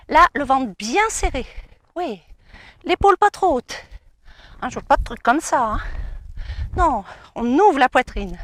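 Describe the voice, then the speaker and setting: Woman, fitness coach, outdoor cardio session, encouraging cues, unhurried delivery. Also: sits high, fairly bright tone. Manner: encouraging, coaxing cues with counting. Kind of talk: guided cardio workout instruction.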